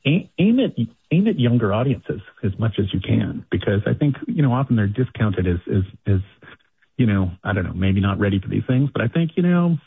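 A man calling in to a radio show, earnest and halting with many fillers and repeats, heard over a phone line. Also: on the low side, big pitch swings, vocal fry, slightly rough. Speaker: caller. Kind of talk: radio call-in.

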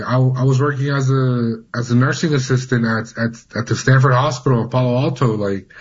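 A man's voice: medium pitch, lo-fi sound. A man in his thirties, from Honduras and raised in California, telling his story as an interview guest, often restarting and repeating words. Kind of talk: personal account in a news interview.

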